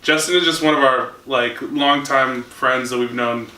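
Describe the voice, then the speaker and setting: A man's voice: mid-range voice, steady tone, normal speed, pushed and bright. A young man hosting a casual podcast chat, laid-back and rambling, chuckling often. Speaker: podcast host. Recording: echoey room from far off, faint noise.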